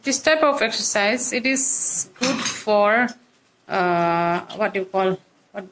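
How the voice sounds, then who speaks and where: A woman's voice: medium pitch, animated, slow pace, a bit bright, a little hiss or hum, poor audio. A woman filming a casual home unboxing vlog indoors on a phone, hesitant and searching for words. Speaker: vlogger filming the assembly. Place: indoor living room at home.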